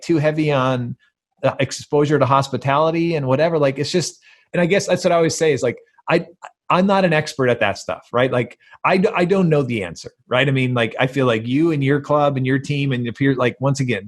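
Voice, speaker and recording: A man's voice: mid-range voice, brisk. A man co-hosting a podcast in casual conversation, talking in an emphatic, rambling way full of fillers. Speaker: podcast co-host.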